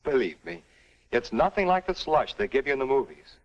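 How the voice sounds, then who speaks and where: An actor playing a cocky young American older brother in a stagy 1950s educational film, with an emphatic, lecturing way of talking. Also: male voice, medium pitch, very animated, fairly quick, close to an everyday voice. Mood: conciliatory, knowing. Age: young adult. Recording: dull old film soundtrack.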